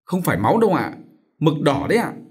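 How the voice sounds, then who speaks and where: A man's voice: a little high, big pitch swings, pitched above the performer's own voice. Man doing a jittery old servant. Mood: anxious. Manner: hushed, fearful, hurried. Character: frightened old male servant, anxious.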